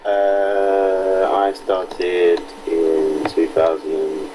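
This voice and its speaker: A man's voice: sits low, completely flat delivery, drawn-out words, background noise. A man in his twenties on a podcast, laid-back and reacting in short remarks. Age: 20s. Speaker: podcast co-host. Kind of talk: casual group chat.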